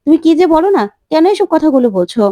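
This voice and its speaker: A placating young man who smooths things over, read by a woman narrator. Soothing, high, and dry. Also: expressive, quick pace, warm tone, no room sound.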